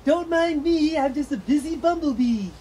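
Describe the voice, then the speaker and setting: A man's voice: very high voice, moderate pace, warm tone, rough recording. A man voicing a young male lovebird who insists he is a bee, in a whiny, earnest, indignant manner in a comedy sketch. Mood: wistful. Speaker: comedy podcast host.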